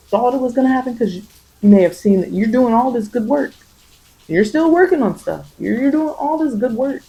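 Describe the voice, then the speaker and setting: A warm-toned tarot reader speaks at medium pitch in an off-the-cuff ASMR style. Her delivery is halting and thoughtful, and she repeats and reshapes phrases as the reading goes on. The recording quality is rough.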